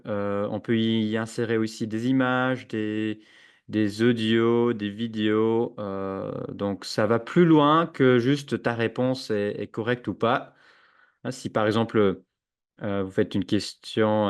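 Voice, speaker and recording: At his computer during a webinar with chat, an educational software trainer gives teachers a screen-share tutorial. His lowish voice sounds hesitant, full of fillers and restarts, picked up by his own computer microphone with noise suppression.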